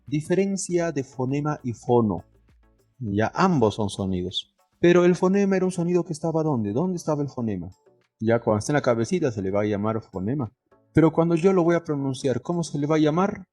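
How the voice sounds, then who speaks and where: A man's voice: a little high, expressive, brisk, mellow, faint music behind. A male teacher giving a lesson, asking the class questions and answering them himself, with lots of diminutives.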